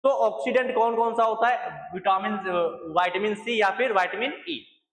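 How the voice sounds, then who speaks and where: High-voiced Indian man teaching chemistry. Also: moderate pace, fairly bright tone. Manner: asks students questions and repeats the answers; mixes English phrases into Hindi. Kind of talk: classroom lecture. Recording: echoey room with long reverb.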